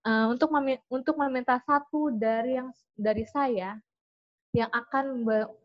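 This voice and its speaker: A woman's voice: high voice, steady tone, unhurried, highs cut off. A woman voicing a male Greek god who formally offers a poor farmer any wish, speaking in a solemn storybook way.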